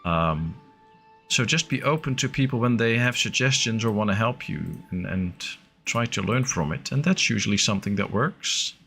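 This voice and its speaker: A non-native English speaker with a fairly low, creaky voice that sounds pushed and bright chats with his viewers while playing a game. He speaks at normal speed with lively intonation, faint music behind him, answering chat and using frequent fillers.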